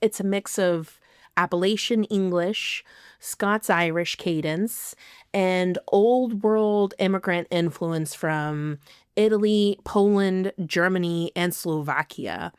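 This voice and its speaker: A woman hosts a podcast in a slow, unhurried scripted monologue, her voice lowish and smooth. She is giggly and self-deprecating, laughing at her own slips and apologizing for them. The sound is close and dry. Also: dry recording. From not from the city she lives in now. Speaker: podcast host.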